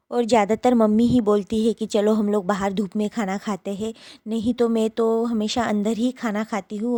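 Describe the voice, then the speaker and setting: A woman's voice: medium pitch, warm tone. A young woman, a new mother, chatting casually to viewers as she walks through her day at home. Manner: chatty, narrating daily chores to viewers. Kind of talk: casual home vlog narration. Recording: echoey, from off the mic.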